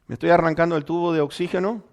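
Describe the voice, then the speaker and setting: A man with a high-pitched voice preaches a sermon, working a personal story into it. He tells it haltingly, with restarts and fillers. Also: fairly even intonation. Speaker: pastor.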